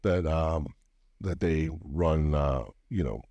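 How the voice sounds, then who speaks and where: A man's voice: very deep voice, takes it slowly, mellow, dry recording, lo-fi sound. A man from Louisiana, a podcast guest, telling his life story in an earnest, heartfelt, reflective way. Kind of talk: personal storytelling interview.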